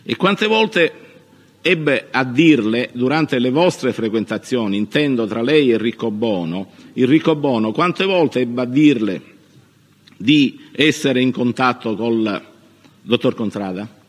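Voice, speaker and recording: A man conducts a courtroom cross-examination as a lawyer. He is formal and probing, halting as he shapes his questions. His voice sits at a medium pitch, with long reverb from a large hall. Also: expressive.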